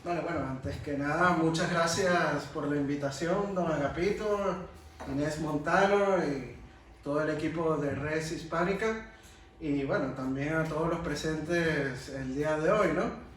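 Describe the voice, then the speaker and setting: A higher-voiced man with a Venezuelan Caribbean accent addresses a round table, often checking in with rhetorical tags. The sound is very reverberant and picked up from a distance. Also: measured pace. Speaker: panel speaker and history communicator. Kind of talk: public talk at a round table. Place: echoey room in a monastery, before an audience. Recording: very echoey, distant mic, faint noise.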